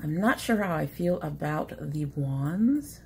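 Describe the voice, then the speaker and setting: A beauty vlogger in her forties chats through an unboxing on a desk webcam in a small room at home. Her voice is deep, slow and gravelly with lively intonation, and she's a bit sniffly from allergies. She rambles and catches herself mid-sentence, and the recording has a little hiss or hum.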